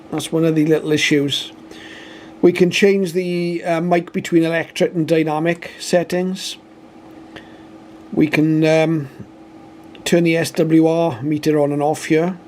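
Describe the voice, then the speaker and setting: A British radio reviewer gives an informal, matter-of-fact product demonstration, walking through it methodically step by step. His voice is on the high side with a darkish tone, and there's slight background noise.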